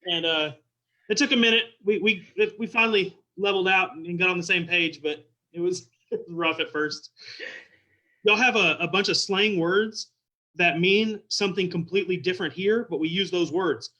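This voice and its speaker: Over a muffled video call, a man with a high, sharp voice speaks at normal speed in a Texas-Oklahoma Southern accent. As a visiting king being interviewed, he keeps the chat light, playful and full of exaggeration.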